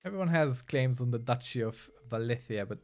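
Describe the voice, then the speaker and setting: A man's voice: mid-range voice, animated, fairly quick, darkish tone. A man casually commenting as he plays a strategy game, chatty and wry, answering his chat as he goes. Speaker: streamer playing a strategy game.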